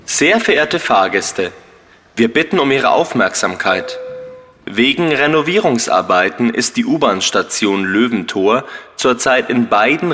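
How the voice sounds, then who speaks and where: An actor playing a male subway station announcer, giving a formal, measured announcement over a station PA system. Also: mid-range voice, a bit bright, in a large hall. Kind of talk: scripted exam listening announcement.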